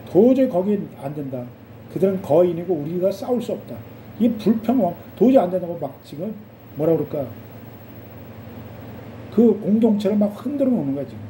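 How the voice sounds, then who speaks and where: A man's voice: high voice, big pitch swings, fairly quick, mellow, reverberant, distant mic, a little hiss or hum, low-quality recording. A male pastor preaching a sermon in a church, talking casually with rhetorical questions and acted-out quotes.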